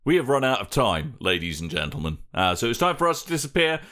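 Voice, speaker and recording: A man's voice: medium pitch, sing-song, quick pace, sharp tone. A man hosting a podcast in casual chat, with a playful, mock-formal way of talking. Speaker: podcast host.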